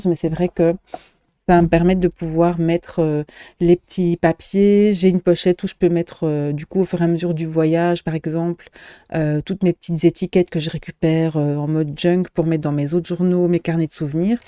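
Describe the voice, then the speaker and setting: A middle-aged woman shop owner talks through her purchases in a casual vlog, stopping often to search for words. Her voice sits low and warm, and the recording is dry and close, with little room sound. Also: clean tone, no room sound. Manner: hesitant, many fillers and restarts, friendly chatter. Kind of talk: casual show-and-tell vlog.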